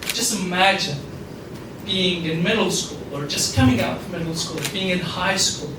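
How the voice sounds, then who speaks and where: A man's voice: high voice, normal speed. A young man from Afghanistan giving an alumni talk at an event, rambling with many fillers. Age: young adult. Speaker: alumni speaker. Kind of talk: speech at a networking event. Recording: echoey room from far off, background noise.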